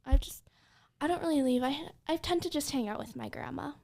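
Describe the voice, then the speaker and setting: A woman's voice: high voice, brisk, creaky, a little mellow, pitched above the performer's own voice. A woman voicing a player character who plays innocent, in an overly sweet tone and claims to live with her grandma.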